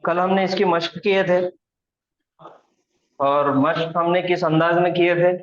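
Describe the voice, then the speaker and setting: Male grammar teacher, slightly raised pitch, repeats each point patiently; roomy echo, muffled lo-fi sound. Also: flat delivery, measured pace, a little hiss or hum. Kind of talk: classroom lesson explaining grammar at a board. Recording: echoey room, dull lo-fi sound.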